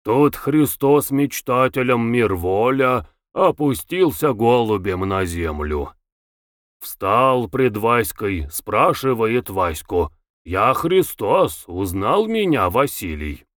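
A man voicing a gloomy village deacon who recites his verse in a measured way. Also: mid-range voice, very animated, fairly bright tone, dry recording, studio quality. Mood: recitative.

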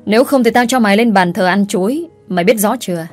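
A woman voicing a fierce man who shouts threats and curses. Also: medium pitch, quick pace, faint music behind, lightly acted. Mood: furious. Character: furious tough man, fierce protector.

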